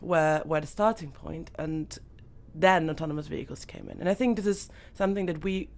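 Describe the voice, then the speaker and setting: A young woman from Austria, talking as a guest on a studio podcast. Her voice has a gravelly, fry-tinged texture, and she speaks thoughtfully with many fillers and restarts. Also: low voice, brisk, a little mellow. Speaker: startup founder guest. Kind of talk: podcast interview.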